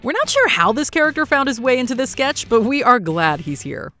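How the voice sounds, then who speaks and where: A woman's voice: sits high, big pitch swings, fairly quick, bright, forceful tone. Woman narrating a countdown over light music. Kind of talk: scripted narration. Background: background music.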